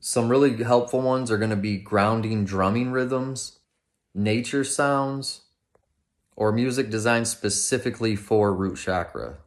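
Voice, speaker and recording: A man's voice: fairly low pitch, a little slow. A man giving casual, instructional talk as a meditation teacher, speaking in an informal, plain-spoken way.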